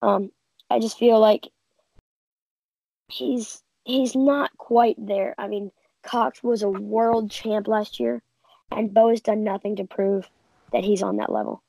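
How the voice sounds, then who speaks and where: Co-host: woman with a gravelly, fry-laced voice, dry close sound, sure of her takes. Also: medium pitch, steady tone, slow pace, pauses often, warm tone, no room sound, rough recording. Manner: confident, opinionated predictions. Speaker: podcast co-host. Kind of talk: casual sports chat.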